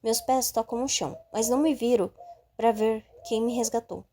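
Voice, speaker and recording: Mellow woman narrating. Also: a little high, fairly even intonation, moderate pace, slight background noise. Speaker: audiobook narrator. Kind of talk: first-person audiobook narration.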